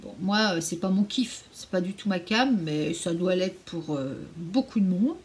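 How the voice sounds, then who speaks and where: At home, a beauty vlogger chats casually through an anti-haul video, frank, opinionated and mildly sarcastic, sometimes cooing at her cat. Her voice is lowish and expressive, at a moderate pace.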